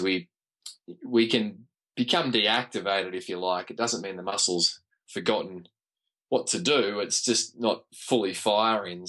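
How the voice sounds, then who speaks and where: An Australian man with a croaky, frog-in-the-throat voice, explaining conversationally as a podcast guest. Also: low voice, fairly bright tone, low-quality recording. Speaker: podcast guest, running physiotherapist.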